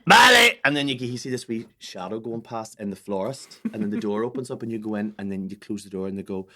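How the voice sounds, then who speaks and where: A man co-hosting a comedy podcast, telling stories in an animated, sweary way. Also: lowish voice, fast talker. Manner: animated storyteller, swears freely, drops into silly voices. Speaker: podcast co-host. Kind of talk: casual comedic chat.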